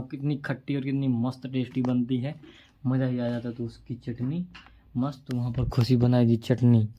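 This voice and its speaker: A man's voice: mid-range voice, warm tone, slight background noise. A man vlogging at home while his sisters cook, chatty and teasing as he gives orders. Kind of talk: casual vlog narration.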